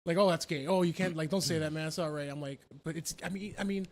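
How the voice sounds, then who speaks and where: A man in his thirties talks fast and chatty on a podcast. His voice sits high, and he laughs at his own remarks as he goes. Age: 30s. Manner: quick, chatty, laughs at himself. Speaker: podcast co-host. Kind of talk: casual crude banter.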